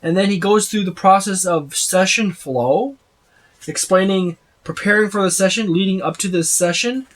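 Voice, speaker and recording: A tabletop game book reviewer with a medium-pitched voice, speaking at normal speed, gives a casual, unscripted overview of a game's rulebook. They ramble while listing things out, repeating points for emphasis.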